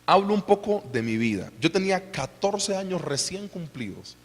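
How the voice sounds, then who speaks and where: A man in his thirties with a Colombian accent, preaching a sermon in an animated, conversational way and putting questions to the congregation. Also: high voice, moderate pace. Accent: Colombian Spanish. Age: 30s. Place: church. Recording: long reverb of a church hall.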